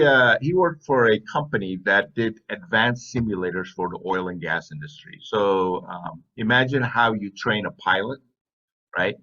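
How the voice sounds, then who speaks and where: Man, fifties, from saudi arabia, interview guest, chatty storyteller, bright forceful tone. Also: fairly low pitch, highs cut off. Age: 50s. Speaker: podcast guest. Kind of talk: casual interview chat.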